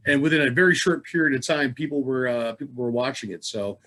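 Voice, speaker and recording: A man's voice: medium pitch, fast, fairly bright tone. Middle-aged man, wry rambling podcast host. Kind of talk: casual podcast chat.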